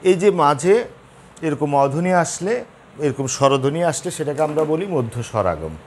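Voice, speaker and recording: A man's voice: a little high, expressive, moderate pace, a little mellow, slight background noise. A man teaching a grammar lesson at a board, spelling out each sound piece by piece.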